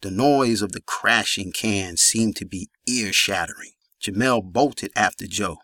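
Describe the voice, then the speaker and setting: A man narrating a gritty crime audiobook in an even storytelling manner. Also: fairly low pitch, unhurried, no room sound, clean studio sound.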